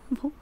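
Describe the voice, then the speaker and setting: A young woman giving chatty, excitable commentary while playing a life simulation game, laughing often and exclaiming. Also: no echo, phone-quality sound. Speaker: gaming video host. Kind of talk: casual Let's Play commentary.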